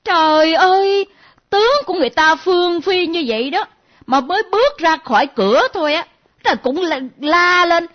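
A woman's voice: very high voice, moderate pace. A woman doing a nosy, teasing younger friend. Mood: mocking. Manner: teasing, lively, mimicking. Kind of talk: comedy sketch acting. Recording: dull lo-fi recording.

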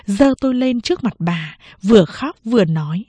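A woman reading a novel aloud as a steady, measured audiobook narrator. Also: medium pitch, breathy edge, no room sound. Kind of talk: scripted narration.

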